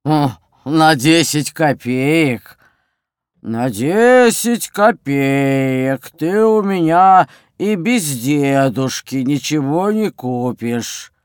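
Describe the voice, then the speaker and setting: A man acting out a lazy kiosk seller from a children's audiobook, who drawls and keeps slipping into teasing rhymes. His voice is smooth and resonant, unhurried, a touch higher than usual for a man. The recording is close and completely dry. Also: expressive, no echo. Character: lazy mustached kiosk seller, middle-aged man, rhyming joker.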